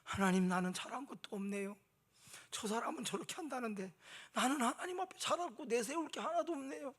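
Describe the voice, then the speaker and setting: A humble, ashamed man pleads quietly in tears, too timid to raise his voice. A preacher acts him out in a sermon. His voice is high, soft and close to a whisper. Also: animated, fairly quick, exaggerated voice. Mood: pleading. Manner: soft, broken, half-whispered plea.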